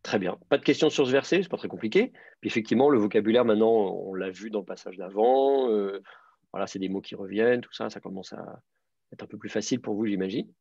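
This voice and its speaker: A man with a low, husky, gravelly voice teaches a class, stopping often to restart his sentences. The sound is dry and dull, like a computer mic on a video call. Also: fast talker, darkish tone, no echo. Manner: hesitant, many fillers and restarts, explanatory. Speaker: teacher of biblical Hebrew. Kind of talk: online class lecture.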